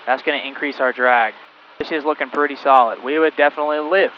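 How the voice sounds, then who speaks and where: A male flight instructor on a cockpit headset intercom, calmly talking a student pilot through each step in flight. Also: mid-range voice, fast talker, dull audio, slight background noise. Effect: heard over a cockpit headset intercom. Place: small plane cockpit in flight.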